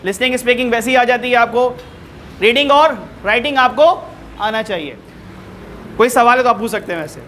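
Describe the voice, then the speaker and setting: Man, teacher, bright tense voice, faint background noise, lively classroom lecture. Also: very high voice, brisk. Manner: lively, rhetorical questions to students, switches between languages. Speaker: English teacher. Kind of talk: classroom lecture mixing Hindi-Urdu and English.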